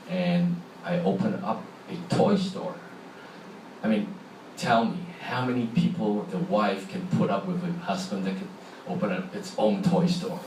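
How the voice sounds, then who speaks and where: Deep-voiced and darkish in tone, a middle-aged man with a Hong Kong accent leads a chatty public talk in a large hall, asking the audience questions along the way. A little hiss or hum is present. The echoey recording was made from far off, with faint ambience.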